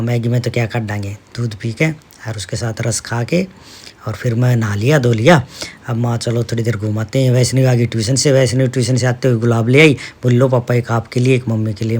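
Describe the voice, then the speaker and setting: A man's voice: mid-range voice, darkish tone, a little hiss or hum. A middle-aged man, narrating his family vlog in a chatty, homely way and pointing things out to viewers. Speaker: vlogger, father.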